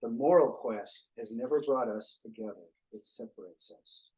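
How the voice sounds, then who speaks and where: A man presenting to a small faith gathering, reflective, quoting writers and pausing often. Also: medium pitch, dark tone, slightly rough, rough recording. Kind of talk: informal group talk.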